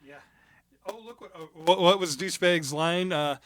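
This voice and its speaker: A man's voice: high-pitched, normal speed, a bit bright, no echo, clean studio sound. A man co-hosting a podcast, chatting casually about a film, retelling the plot with asides and laughs. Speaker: podcast co-host.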